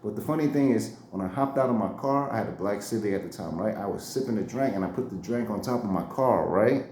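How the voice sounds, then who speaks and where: A man's voice: lowish voice, animated, fast, darkish tone, slight background noise. A man around forty telling a story in casual slang, laughing often and acting out what people said. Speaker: storyteller, channel host. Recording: roomy echo.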